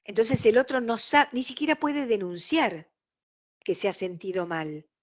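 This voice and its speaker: Speaking a little slowly in a higher-pitched voice, this woman has a Rioplatense Spanish accent. She delivers an explanatory online lecture over a video call, acting out quoted exchanges as she goes.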